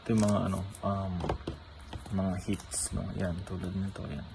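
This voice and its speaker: A man's voice: low-pitched, little pitch movement, moderate pace. A man showing off his trading cards in a casual, chatty way, often checking in with the viewer. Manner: chatty, tags many sentences with "no?". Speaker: trading card vlogger. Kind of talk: casual card showcase. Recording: clear background noise.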